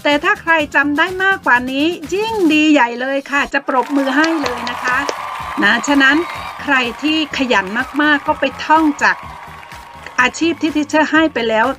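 A woman teaching English to children with a Thai accent, slowly sounding out words syllable by syllable in an encouraging way. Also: sits high, music in the background.

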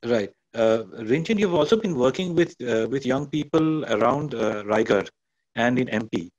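An Indian man of middle pitch moderates a panel over a video call. He frames his questions slowly and carefully and repeats words as he goes. His voice comes through a headset and sounds muffled. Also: lively intonation, darkish tone. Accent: Indian English.

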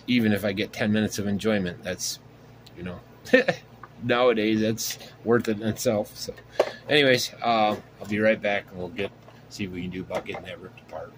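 A brisk, lowish male voice comes through background noise. He's an RC hobby channel host at his home workshop bench, handling a project and thinking out loud with lots of fillers in a casual show-and-tell.

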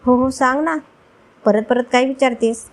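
A woman's voice: high-pitched, moderate pace. A woman voicing an affectionate young husband. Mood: coaxing.

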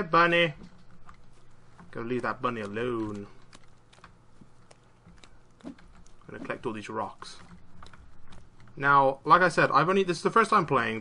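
Brief: British male gamer, bright and slow-spoken, excitable let's-play chatter. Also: mid-range voice, a little hiss or hum. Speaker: gaming YouTuber. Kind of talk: casual let's-play commentary. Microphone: desk mic, no camera.

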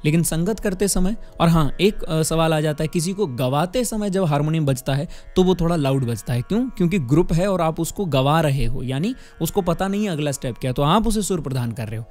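A man's voice: on the high side, lively intonation, fairly quick, few pauses, a little mellow. A man teaching music, explaining patiently at a close mic and often checking with his students, with sung demonstrations over a harmonium. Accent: Hindustani. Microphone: close studio microphone. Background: harmonium playing.

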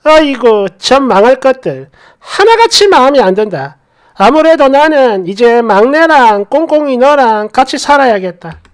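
A nagging older mother-in-law who won't take no for an answer, as a woman storyteller puts her on. She presses her point over and over in a lively, rising and falling voice. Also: high voice. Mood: grumbling. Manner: insistent, repeats herself over objections.

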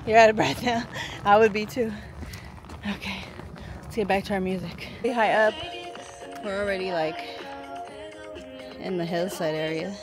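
A woman's voice: mid-range voice, moderate pace, pauses often, music in the background. A woman filming a casual vlog on a hillside trail, chatty and encouraging, out of breath as she hikes with her kids. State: out of breath on the hike. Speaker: vlogger and mom. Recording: outdoor phone audio with steady background noise.

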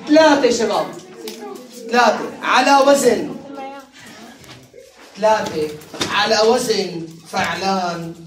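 Woman teacher, mid-pitched, drills patterns slowly, recorded from far off in a roomy class with pupils audible. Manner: drills word patterns slowly and repeats them; chatty, laughs with students. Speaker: Arabic teacher. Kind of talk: classroom lesson. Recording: roomy classroom sound from a distant mic, crowd behind.

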